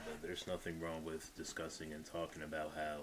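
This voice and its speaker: Low-voiced hesitant man streamer. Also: monotone, a little fast, low-quality recording. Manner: hesitant, many fillers, plain-spoken. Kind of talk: casual commentary.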